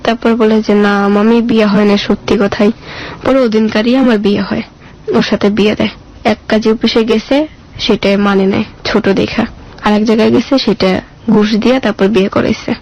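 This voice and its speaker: This guest is a woman of medium pitch with fairly even intonation and a slightly mellow tone, speaking at a moderate pace with the highs cut off. In a colloquial Bangladeshi Bengali accent, she casually recounts her life story, performing the dialogue she remembers.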